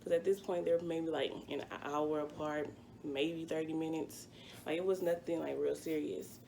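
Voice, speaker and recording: A woman's voice: deep voice, steady tone, normal speed, vocal fry, dark tone, slight background noise. A woman in her twenties, a vlogger chatting through a personal story with plenty of fillers. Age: 20s. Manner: chatty, rambling, full of fillers. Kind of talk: casual storytime.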